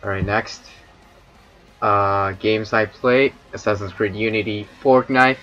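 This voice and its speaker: A man's voice: lowish voice, steady tone, unhurried, a bit bright, dull audio, soft background music. A man from Chile with a Chilean Spanish accent, rambling and cracking crude jokes with chat on a casual debut livestream. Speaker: streamer.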